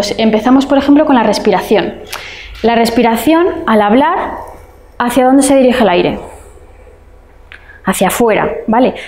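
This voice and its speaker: Woman speech therapist teaching a class, mellow kinda higher voice, lots of fillers and checking in with the students. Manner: explanatory, many fillers and checks with the audience. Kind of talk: online lecture.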